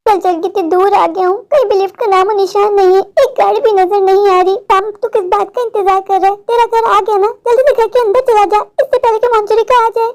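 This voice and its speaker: A frightened cartoon office worker, a husband, voiced by a woman with a very high, light voice. He sounds anxious and pleading, then snaps irritably at home. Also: fairly even intonation, fairly quick, hardly any pauses, darkish tone. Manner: anxious, pleading, irritable toward his wife.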